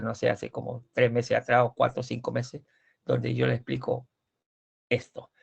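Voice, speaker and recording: A man teaching a language class, slowly explaining pronunciation, repeating words and correcting his students. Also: medium pitch, vocal fry. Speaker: Swedish teacher.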